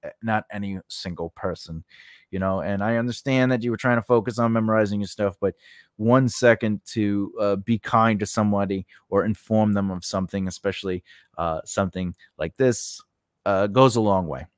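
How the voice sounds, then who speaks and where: A screenwriting lesson comes from a man in his forties speaking at a normal pace in a lowish voice, with no echo. He's close on a boom-arm large condenser mic in a small home studio, and his informal, rambling delivery is dotted with "you know" and "right?"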